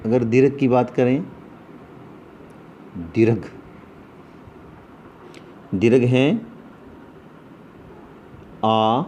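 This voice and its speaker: During an online class, a male Sanskrit teacher speaks slowly and deliberately in a steady, mellow voice that lacks brightness. He fires questions at his students and supplies the answers himself, with a faint noise running beneath the recording.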